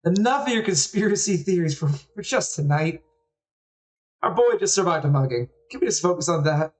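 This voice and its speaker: A caring, no-nonsense mother, played by a man raising his voice. She speaks slowly and firmly, pitched well above his usual tone, herding the family around in a tabletop game. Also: expressive, far from the mic. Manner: slow, firm, motherly. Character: firm, caring middle-aged mother.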